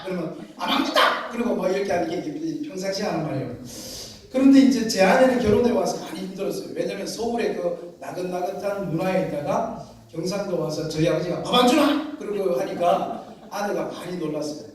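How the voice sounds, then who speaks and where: A man from the region preaching as a missionary pastor, telling a story in an animated way and acting out shouting family members. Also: sits high, brisk. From Gyeongsang region, Korea. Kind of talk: storytelling sermon. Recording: echoey hall, distant mic, faint noise.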